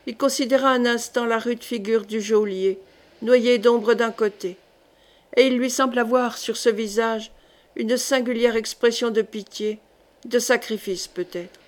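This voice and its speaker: A woman reading a historical novel aloud in a measured, clear audiobook style. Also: fairly high pitch, steady tone. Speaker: audiobook reader.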